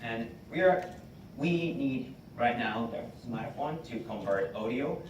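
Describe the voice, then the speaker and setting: A man's voice: mid-range voice, animated, takes it slowly. A male student contestant answering judges with hesitant, broken phrasing. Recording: echoey room, distant, noisy.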